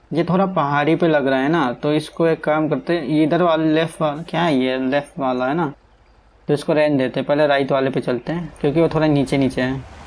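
A man's voice: a little high, darkish tone, poor audio. Chatty man commentating gameplay. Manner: chatty, talks to the truck and viewers as he plays. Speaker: gaming streamer. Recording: faint game sounds in background.

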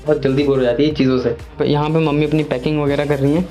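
A man's voice: fairly high pitch, level tone, fast talker, mellow, rough recording. Chatty young man vlogging at home. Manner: chatty and playful, narrating to viewers, mixing in English words. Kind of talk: casual home vlog. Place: family home, indoors. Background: background music.

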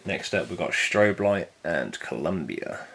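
A man with a low, deep voice and a gravelly, fry-heavy edge talks through an unboxing in a relaxed, offhand way. He cracks small jokes and drops the odd swear word as he goes. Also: measured pace, slight background noise. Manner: laid-back, jokey, swears casually. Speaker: vinyl collector vlogger. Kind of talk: casual unboxing chat.

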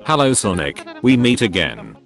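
A man voicing a melodramatic, deadpan villain in a parody cartoon dub. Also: lowish voice, moderate pace, soft background music, full character voice. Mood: petulant, defiant.

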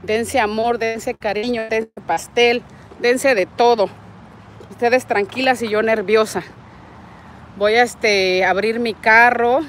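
Her fairly high voice is even in intonation and slow, with slight background noise. This Mexican vlogger from Nayarit, in her forties, hosts a casual livestream outdoors in a parking lot and on a street, warmly greeting viewers and reading comments. The audio comes from a wired earbud mic, her phone at arm's length.

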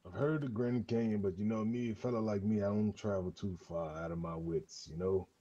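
A low, husky man chatting in character during a game roleplay. He talks in a folksy, rambling way and stumbles through restarts. His voice comes through a dull, lo-fi mic. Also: a little fast, mellow. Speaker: roleplayer playing an outlaw.

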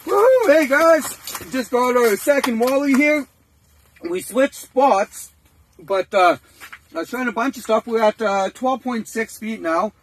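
The audio is poor, with a little hiss or hum, as a Canadian man in his forties vlogs from his ice fishing tent, holding the phone out at arm's length. He talks in an extremely high pitch at a measured pace, rambling casually with lots of fillers and laughter.

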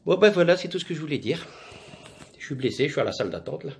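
A man voicing a zany, rambling male cousin in a comic monologue, mumbling absurd jokes in a low voice. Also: sing-song, quick pace, gravelly.

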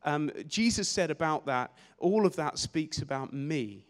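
A young man preaching a sermon on a church stage with a handheld mic, energetic and gesturing, often repeating words as he restarts phrases. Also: a little high, unhurried. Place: church stage in a large hall. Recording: long hall reverb.

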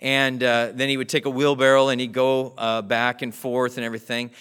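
A man's voice: mid-range voice, flat delivery, fairly quick, fairly bright tone, clean tone. A man preaching a sermon as pastor in a church, earnest, acting out the voices in his stories. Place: church sanctuary. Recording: live church stream, voice drifting off mic.

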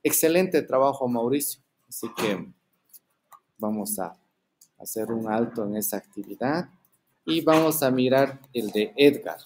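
Male teacher on a video call, mid-pitched, explanatory, leans on tag questions. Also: animated, measured pace, darkish tone. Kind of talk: online class lecture.

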